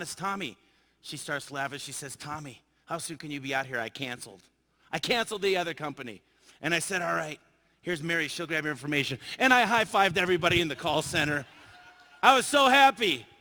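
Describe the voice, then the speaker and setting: A man on stage giving a motivational business talk, spinning anecdotes and voicing every character in them. His voice sits a little high and sounds bright and forceful. The sound rings out with the long reverb of a large hall. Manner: animated, acts out dialogue in his stories. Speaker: keynote speaker. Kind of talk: motivational storytelling speech.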